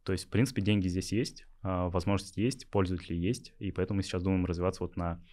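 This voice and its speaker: A young startup founder from Yakutia, Russia, hesitates through his interview answers, dropping in many filler sounds. He talks quickly in a low, darkish voice with fairly even intonation.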